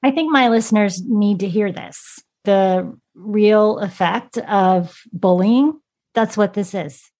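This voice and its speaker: A woman's voice: medium pitch, slow, darkish tone. Curious woman hosting an interview. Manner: curious, thinking aloud while asking questions. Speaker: podcast host. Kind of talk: conversational interview.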